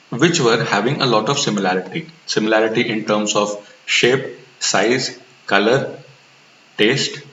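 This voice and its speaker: A man's voice: lowish voice, a bit bright. A man teaching a lesson, explaining step by step, repeating points and asking rhetorical questions. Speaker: instructor. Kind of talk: classroom-style lecture. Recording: roomy, dull lo-fi recording with hiss.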